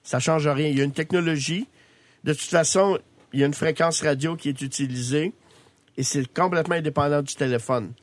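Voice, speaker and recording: A man's voice: fairly high pitch, fairly quick, dry recording. A man with a Quebec French accent informally explaining technology as an expert guest on a radio show. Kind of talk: informal explanation, answering callers. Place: radio studio.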